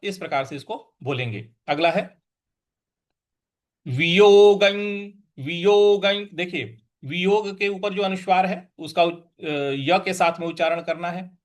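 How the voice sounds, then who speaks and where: A man teaching a scripture verse, patiently breaking down its pronunciation syllable by syllable and chanting the lines slowly. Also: high-pitched. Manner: chants verses in a drawn-out, sung tone. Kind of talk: slow recitation lesson.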